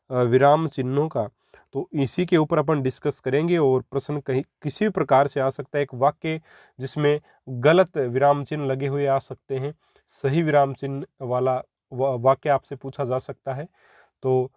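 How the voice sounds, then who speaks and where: A man's voice: medium pitch, a little mellow, no echo, studio quality. A young man teaching an exam-prep Hindi grammar lesson, explaining step by step and repeating key points for his students.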